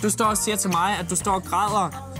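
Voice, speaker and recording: Reality contestant, female, blunt and swearing, clear music bed behind. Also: medium pitch, fairly even intonation. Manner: confrontational, swearing. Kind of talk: heated argument. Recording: music underneath.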